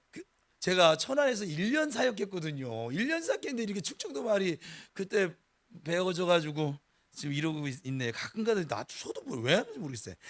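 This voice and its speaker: A middle-aged male pastor preaching a sermon, animated and dramatic, now and then acting out grumbling people in a regional dialect. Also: high voice.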